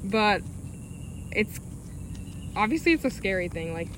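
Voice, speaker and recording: A young woman from Alaska in casual chat on a podcast, giggly and halting as she talks. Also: mid-range voice, sing-song, noisy background.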